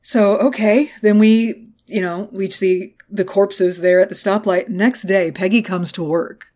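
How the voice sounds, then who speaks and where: A woman co-hosting a podcast, talking through an episode in relaxed, casual chat. Her voice sits at a middle pitch. She swears freely and slips into quick impressions of the characters as she recaps. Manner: swears freely, acts out quotes. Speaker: podcast co-host.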